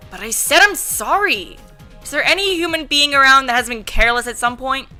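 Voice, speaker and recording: A woman's voice: high-pitched, animated, brisk, sharp tone, soft background music, voice pushed up, full character voice. A woman voicing an easygoing, careless and apologetic man in his early twenties in an amateur visual novel voice-over. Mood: exasperated. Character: twenty-three-year-old grandson, careless, apologetic, easygoing.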